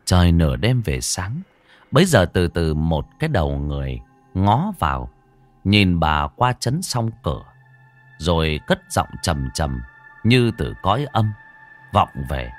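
A man with a deep voice tells a ghost story, his pitch swinging widely as he builds suspense. His delivery is dramatic and scripted, with faint music playing under him. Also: unhurried. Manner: animated, rising and falling for suspense.

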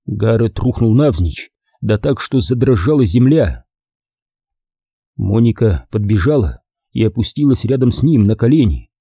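A man reads a horror audiobook at a measured, steady pace. His voice is very dark and husky. The sound is close and dry, with no room around it. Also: medium pitch, no echo. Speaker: audiobook narrator. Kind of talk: scripted narration.

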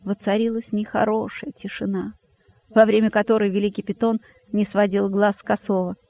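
High-voiced man reading a fable. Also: little pitch movement, moderate pace, gravelly, no echo. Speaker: audiobook narrator. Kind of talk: audiobook narration of a satirical fable. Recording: dull lo-fi dry recording.

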